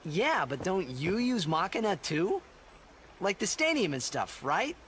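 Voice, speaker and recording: A man's voice: sits high, very animated, unhurried, fairly bright tone, slight background noise, heavily acted. An actor playing a curious young man who keeps asking puzzled questions, with game music behind.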